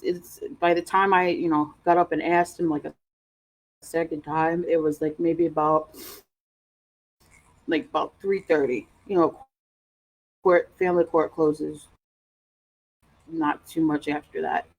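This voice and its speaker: A woman speaks as a guest over a video call, her voice sitting a little low. She tells her story haltingly, full of fillers, restarts and emotion. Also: steady tone, darkish tone, low-quality recording. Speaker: interview guest. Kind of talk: personal account in an online interview.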